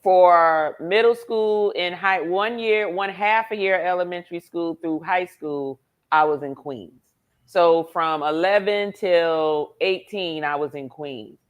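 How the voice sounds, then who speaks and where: Woman, from Brooklyn New York, lowish voice, matter-of-fact, explaining, casual interview guest. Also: takes it slowly. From Brooklyn, New York, United States.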